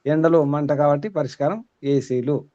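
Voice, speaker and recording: A man's voice: a little high, normal speed, mellow, dry recording, dull audio. A man teaching a small group as their spiritual guide, asking rhetorical questions and repeating his points.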